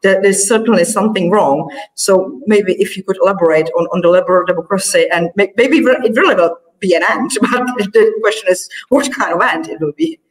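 Woman, from Republic, interviewer, halting, restarts phrases, mid pitch, off-mic. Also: far from the mic, poor audio. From Czech Republic. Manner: halting, restarts phrases while framing long questions. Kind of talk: interview questions.

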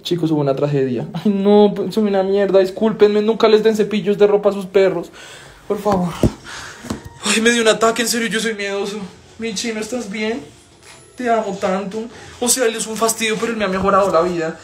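A man's voice: fairly quick, slight background noise. Swearing young Colombian guy streaming live. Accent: Colombian, Bogotá. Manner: animated, swears a lot, swings into loud high-pitched wails. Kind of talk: casual livestream chat.

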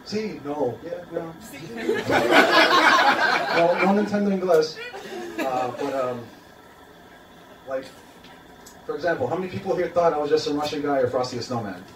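A young Queens, New York man performs stand-up at a small indoor open-mic café, his voice a little high and sing-song, a little slow, with frequent pauses and plenty of ums and uhs in a dry, self-mocking set. A phone in the audience catches his handheld mic from a distance, so the sound is roomy and noisy, full of laughter and room chatter.

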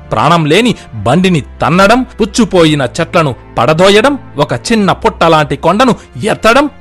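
An arrogant king who sneers and boasts in a raised, lively, slightly husky voice, as a man narrator puts him on. He taunts loudly in a storybook telling. Soft music sits faintly underneath. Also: on the high side, full character voice.

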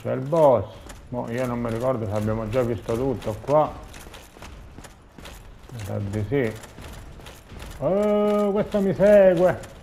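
A man's voice: medium pitch, expressive, slow, long pauses, mellow. A man gives casual commentary while playing a video game. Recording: clear background noise and game ambience.

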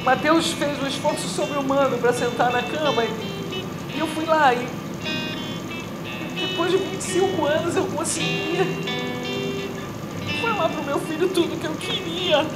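A woman's voice: high-pitched, fairly even intonation, measured pace, pauses often. An actress playing a grieving mother who lost her son, in an intense, pleading theatre monologue. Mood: reflective. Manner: intense, pleading, breaking into shouts. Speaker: stage actress. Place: theatre stage. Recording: echoey theatre with loud music.

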